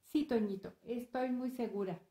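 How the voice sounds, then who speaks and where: A woman voicing a timid little girl in a children's story, lifting her voice higher and sounding eager. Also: moderate pace, mellow, roomy sound, close to an everyday voice. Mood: certain.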